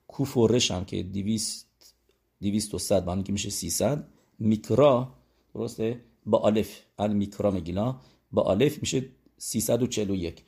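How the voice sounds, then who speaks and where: A man's voice: fairly low pitch, dark tone, husky. A man teaching a religious lesson, working through number sums aloud and asking his listeners whether they follow. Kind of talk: explaining religious law and numerology.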